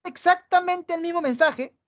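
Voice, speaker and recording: A woman's voice: very high voice, normal speed. A woman with a Peruvian Spanish accent teaching a pre-university psychology class online, explaining step by step and checking in with her students after nearly every point. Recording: dull lo-fi online class audio.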